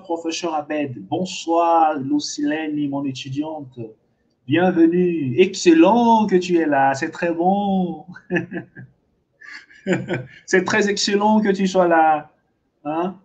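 A man teaching a live online language lesson, drilling words through slow repetition, switching between two languages and chuckling often. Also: high-pitched, darkish tone, lo-fi sound. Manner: switches between French and Portuguese. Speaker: French teacher.

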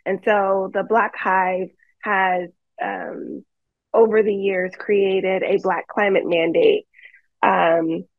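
A young woman organizer speaking unscripted on a webinar from home, halting with many fillers and restarts. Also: mid-range voice, flat delivery, creaky, dry recording. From United States. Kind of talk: unscripted panel remarks. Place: home, seated by a staircase. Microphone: phone or laptop on a video call. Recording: dull lo-fi call audio.

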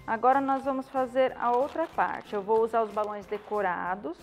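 A Brazilian woman in her thirties, a balloon decoration instructor, gives an informal hands-on tutorial in an indoor studio with a balloon wall. Her voice is fairly high with fairly even intonation at normal speed, and she often adds short checking questions. Clear music plays under her voice.

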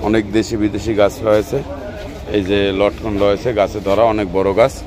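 A man's voice: on the low side, little pitch movement, brisk, a crowd in the background. Upbeat man touring plant fair stalls. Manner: upbeat, repetitive promotional patter. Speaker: gardening channel host. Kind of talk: promotional walkthrough at a tree fair.

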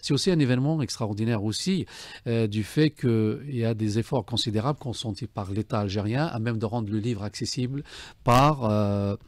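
A man's voice: on the low side, normal speed, no room sound. Hesitant man in a radio interview. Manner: many hesitations with "euh" and "donc", formal and enthusiastic. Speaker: guest, book fair commissioner. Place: radio studio. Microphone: studio desk mic.

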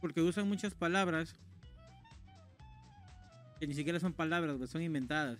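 A man from Guatemala with a Mexican accent chats with his stream audience, telling a story in crude slang and peppering lines with filler. His voice sits a little high. Quiet game music runs in the background. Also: normal speed. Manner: slangy, crude, keeps tagging "güey". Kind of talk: casual storytelling to chat.

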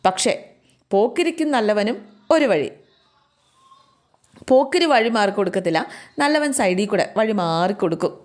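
A woman's voice: mid-range voice, expressive, moderate pace, pauses often. Woman telling a story casually, chatty, keeps talking to the listeners, restarts words. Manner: chatty, addresses listeners, restarts mid-word.

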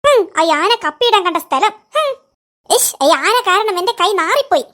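A woman's voice: extremely high pitch, expressive, normal speed, fairly bright tone. A woman voicing a fussy, grumpy cartoon auntie who mutters complaints under her breath. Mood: grumbling. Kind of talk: cartoon voice acting.

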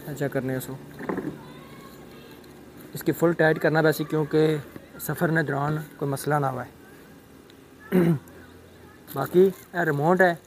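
A man's voice: a little high, a little hiss or hum. A young man casually showing how to fit a phone mount to a helmet, rambling and repeating himself, recorded outdoors on a phone. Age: young adult. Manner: rambling, repeats "thik ai" and "check karne aan". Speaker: motovlogger. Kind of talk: casual unboxing and setup demo. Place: outdoors on a rooftop, then a roadside.

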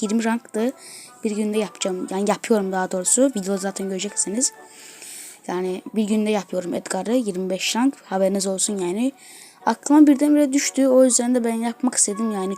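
A woman giving excitable gameplay commentary as a gaming video host, trash-talking opponents as she plays. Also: a little high. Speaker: gaming YouTuber.

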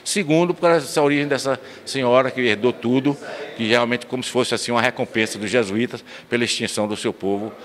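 An older Bahian man from São Miguel das Matas, Brazil, talks fast in a mid-range voice, sharing local history as a guest in a recorded interview. Earnest and expansive, he restarts words as he speaks into a handheld mic held by the interviewer in the indoor municipal council chamber.

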